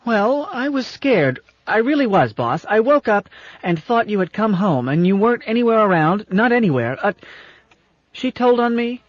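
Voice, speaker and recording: Brief: man voicing a timid, teary little-girl ship computer, very high and childish, on a dull lo-fi track. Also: very animated, moderate pace. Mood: timid, pleading. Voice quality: childlike, squeaky. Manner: whiny, pleading. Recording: dull lo-fi audiobook recording.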